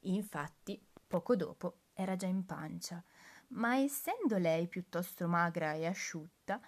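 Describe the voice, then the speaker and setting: A woman narrates a rhymed tale in a measured, rhythmic way, leaning into each line with expression. Her voice sits fairly low. She takes her time, reading slowly and deliberately. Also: animated. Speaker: storyteller. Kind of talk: reading a rhymed story aloud.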